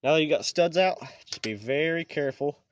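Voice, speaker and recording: Sniffly from allergies, a man hosting his channel explains a repair one step at a time in a relaxed, folksy, plainspoken style. He speaks animatedly and fairly quickly in a voice on the high side. The recording is dry and the audio dull.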